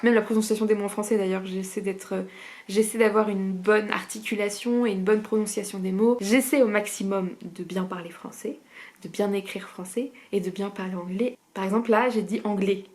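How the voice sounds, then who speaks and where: A woman's voice: medium pitch, fairly even intonation, a little fast, a little mellow. Chatty Norman woman vlogging. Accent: Norman French. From Normandy, France. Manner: chatty and digressive, laughs often. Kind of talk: casual chat to camera.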